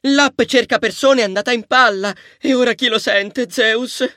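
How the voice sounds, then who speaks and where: A sly, prickly young messenger god in an audiobook, high and bright. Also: male voice, fairly even intonation, no room sound, clean studio sound. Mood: haughty. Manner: haughty, quick to snap. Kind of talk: audiobook dialogue.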